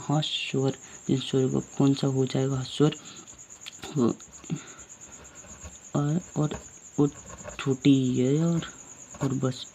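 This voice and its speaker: A man's voice: mid-range voice, gravelly, a little mellow, slight background noise. A male teacher giving a casual grammar lesson, asking his own questions and answering them, and sometimes correcting his slips.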